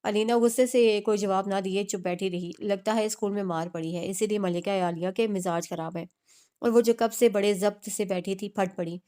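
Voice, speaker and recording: A woman's voice: medium pitch, steady tone, brisk, warm tone. A woman narrating a romance novel, reading all the characters' dialogue in a near-plain voice with small restarts. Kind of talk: scripted audiobook narration.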